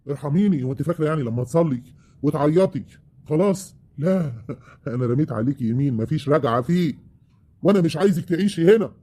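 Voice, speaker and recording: A man's voice: a little high, breathy edge. A man with an Egyptian accent playing a bitter, worn-out older husband in a family web drama. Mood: furious. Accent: Egyptian Arabic. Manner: reproachful, rising to shouting.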